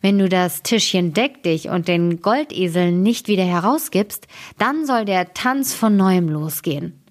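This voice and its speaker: A woman's voice: fairly low pitch, expressive, a little slow. A woman voicing a confident, clever young male turner in a storybook fairy tale, giving firm commands.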